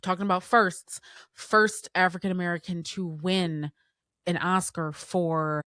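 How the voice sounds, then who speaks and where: A woman's voice: on the low side, fairly even intonation, measured pace, fairly bright tone, no room sound, clean studio sound. A woman co-hosting a podcast, talking about films in an enthusiastic, emotional way with lots of fillers. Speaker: podcast co-host. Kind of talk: casual film discussion.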